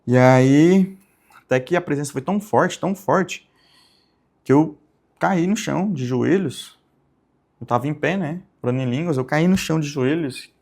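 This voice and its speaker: A young man telling a personal religious testimony, soft-spoken and rambling, often tagging his sentences with little questions. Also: a little high, moderate pace, creaky. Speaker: channel host giving testimony.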